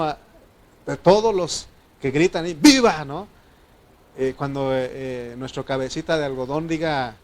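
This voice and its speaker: Alternating booming pronouncements with hushed remarks to his congregation, a pastor delivers a sermon in a fairly high voice. His accent is Mexican Spanish.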